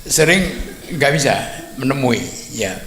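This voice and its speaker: A man's voice: mid-range voice, lively intonation, a little slow, a bit bright. An older man telling humorous anecdotes as a guest speaker, chuckling often and acting out quoted dialogue. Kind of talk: anecdotal storytelling. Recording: echoey room, faint noise.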